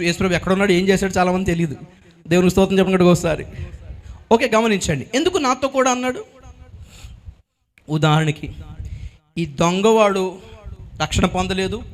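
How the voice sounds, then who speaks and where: Male Telugu pastor, high-pitched, dramatic storytelling sermon. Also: fairly bright tone. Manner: acts out Bible figures in dialogue, calls for hallelujahs.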